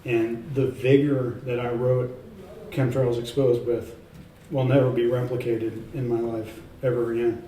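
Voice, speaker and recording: A man's voice: mid-range voice, little pitch movement, a little slow, hardly any pauses, mellow. A man speaking as an author and guest in a casual in-person interview, rambling through many fillers and restarts in an emphatic, self-assured way. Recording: echoey room, speaker far from mic, faint ambience.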